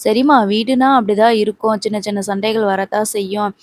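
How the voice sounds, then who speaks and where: A woman voicing a middle-aged uncle who gently lectures his niece, in a soothing way. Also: mid-range voice, fairly even intonation, a little fast, natural voice. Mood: advising.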